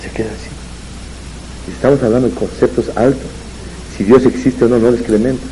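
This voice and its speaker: A man giving a religious lecture as a rabbi, telling anecdotes and growing louder on his emphatic points. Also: mid-range voice, fairly even intonation, brisk, slight background noise, poor audio. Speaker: rabbi giving a Torah talk.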